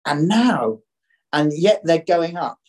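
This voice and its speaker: A man with a croaky, coughy throat giving conversational market commentary as a podcast guest, often doubling back and repeating phrases. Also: on the high side, lively intonation, slow, darkish tone.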